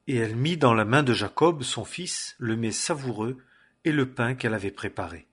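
A man reading a Bible passage aloud in measured, solemn phrases. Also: mid-range voice, animated, fairly bright tone, husky. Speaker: scripture reader.

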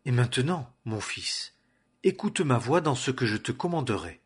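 A man reading aloud the part of a mother urging her son, in a husky voice. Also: medium pitch, very animated, moderate pace.

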